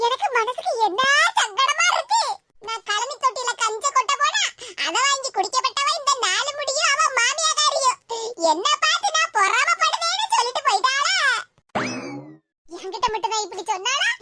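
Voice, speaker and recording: A woman doing a very high, squeaky cartoon housewife with a Tirunelveli Tamil accent, wailing and gossiping about a slight. The sped-up voice sits over a noisy track full of clicks. She whines in self-pity between bursts of scandal. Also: sharp tone, exaggerated voice. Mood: aggrieved. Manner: wailing, self-pitying complaints mixed with gossip. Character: gossiping village housewife, aggrieved and dramatic.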